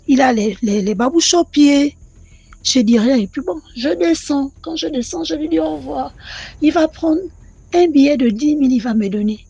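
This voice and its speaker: A woman telling her own mystical experience in an animated, repetitive way, speaking directly to the channel. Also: sits high, moderate pace, vocal fry, dry recording, muffled recording. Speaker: caller sharing a personal story. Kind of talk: personal testimony storytelling.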